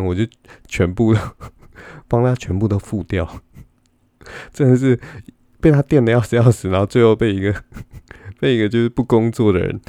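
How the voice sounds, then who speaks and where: Podcast host and comic, low, dark voice, rambling storyteller, laughs a lot, close dry mic. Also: male voice, dry recording. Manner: rambling, laughs often, many restarts. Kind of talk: casual storytelling monologue.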